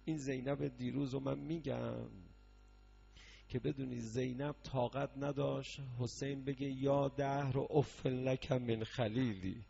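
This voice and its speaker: A man preaching a mourning sermon that moves from quiet explanation into loud, sung lament. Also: mid-range voice, steady tone, vocal fry, a little hiss or hum. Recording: dull lo-fi recording.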